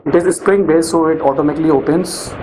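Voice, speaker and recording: A man's voice: fairly high pitch, steady tone, quick pace, echoey room, noisy background. A young man with an Indian English accent, speaking from inside a motorcycle helmet as he explains a helmet in a casual review vlog. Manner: plain step-by-step explaining, repeats "basically". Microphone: camera mic, speaker moving near and away from it.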